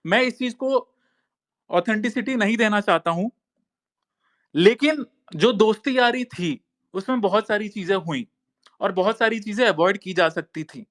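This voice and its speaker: A social media commentator, a man with a high and fairly bright voice, delivers a heated monologue in an online talk space. He is insistent and repetitive, repeating phrases and often calling listeners brother, saying "bhai."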